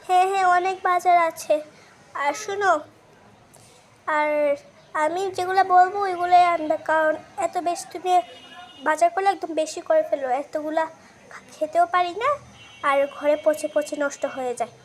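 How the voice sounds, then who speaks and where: A girl voicing a strict mother in a doll-play skit who scolds in a shrill, high voice. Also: fairly even intonation, moderate pace, pauses often. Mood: nagging. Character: strict scolding mother, protective of her flower garden.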